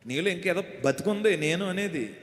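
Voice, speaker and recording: Pastor, male, Telugu accent, high voice; fervent call-and-response sermon; long echoey hall sound. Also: expressive, moderate pace. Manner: call-and-response preaching, shouting refrains. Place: church hall or meeting.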